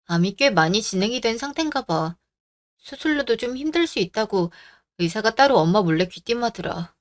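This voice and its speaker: A woman's voice: fairly high pitch, expressive, moderate pace, close to an everyday voice. Woman as a caring, insistent daughter. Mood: worried. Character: caring, worried grown daughter. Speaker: daughter and wife. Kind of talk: radio drama acting.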